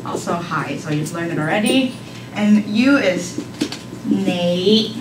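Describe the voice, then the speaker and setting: She's a young woman from Hong Kong, Cantonese by first language, teaching a live lesson as a volunteer. Her fairly low voice moves in lively melodies at a slow pace, broken up by ums, hesitations and small laughs. Sound comes from a far camera in a noisy, reverberant classroom.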